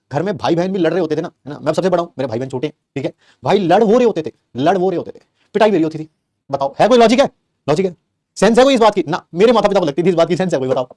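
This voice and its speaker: Fast, lively joking male teacher. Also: high voice, dry recording, clean studio sound. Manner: animated, joking, acts out family quotes. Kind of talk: storytelling aside in a class lecture.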